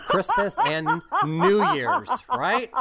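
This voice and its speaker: A man hosting a podcast, chatting casually in an animated way. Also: very high voice, takes it slowly, gravelly, over loud music. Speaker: podcast host. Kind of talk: casual interview and show outro.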